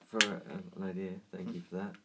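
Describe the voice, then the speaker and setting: A man co-hosting a podcast in casual chat, laid-back and halting, laughing easily. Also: low-pitched, level tone, heavy background noise. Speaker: podcast co-host.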